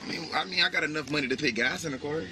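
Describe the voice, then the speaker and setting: A man's voice: fairly high pitch, very fast. A young man bantering casually in a prank video, playful and often repeating himself. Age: young adult. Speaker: prankster husband. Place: inside a parked sports car. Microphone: handheld camera in the car. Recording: noisy car interior with vehicle sound.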